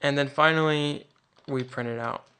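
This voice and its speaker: A man's voice: a little high, fairly even intonation, moderate pace, bright, forceful tone, clear, resonant tone. A man teaching programming in an informal, think-aloud way, often restarting his sentences, over a screen-recorded coding tutorial. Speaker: programming instructor.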